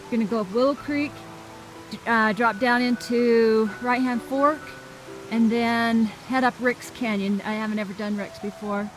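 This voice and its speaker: Woman filming her own trail hike, casual and cheerful, soft background music. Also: fairly high pitch, steady tone, a little slow. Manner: chatty, upbeat, thankful. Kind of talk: casual outdoor vlog narration. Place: outdoors on a mountain trail.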